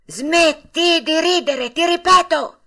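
A woman's voice: on the high side, lively intonation, a little slow, bright, forceful tone, voice pushed up. A woman voicing a fretful old male woodcarver who scolds in a raised, exclaiming voice. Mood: scolding.

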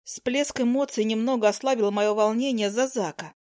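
A woman reading a first-person fantasy novel aloud in an even, clear storytelling manner. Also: a little high, normal speed. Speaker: audiobook narrator. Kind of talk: first-person audiobook narration.

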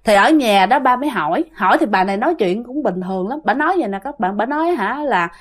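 A woman's voice: on the high side, animated, fast. Chatty Southern Vietnamese woman storyteller. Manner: chatty, addresses listeners directly. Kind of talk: casual ghost story narration.

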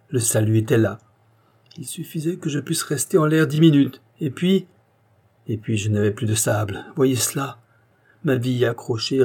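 A man's voice: medium pitch, dark tone, husky. A man reading a dramatic first-person story aloud, intense and rising to anguished outbursts. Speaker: audiobook reader.

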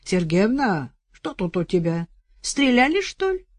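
A woman voicing a frightened elderly village neighbour who shouts shrilly from a distance. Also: medium pitch, very animated, a little slow, dry recording, pitched above the performer's own voice. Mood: shouting fearfully.

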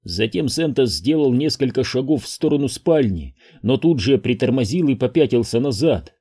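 Man reading a tense first-person audiobook, husky and mellow. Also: mid-range voice, animated, normal speed. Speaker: audiobook narrator.

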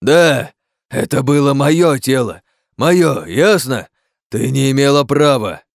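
A huge monster, once a man, rumbles low and shouts in distress, as a male audiobook reader voices him. The sound is close and dry. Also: measured pace, no room sound. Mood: furious.

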